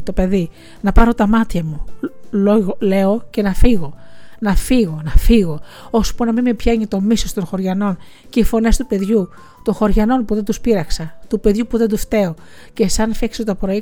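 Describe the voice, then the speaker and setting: A woman voicing a grieving, bitter widowed village schoolteacher in an audiobook, speaking in a quiet confessional way. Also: medium pitch, close to an everyday voice. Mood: resentful. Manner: quiet confessional, tearful, resentful. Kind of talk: audiobook reading.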